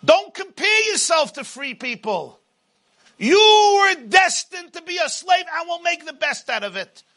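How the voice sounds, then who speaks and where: A man voicing a domineering, taunting Pharaoh as an inner oppressor, in a booming motivational-speech delivery within a sermon. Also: sing-song, a little slow, sharp tone, exaggerated voice. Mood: accusing, contemptuous.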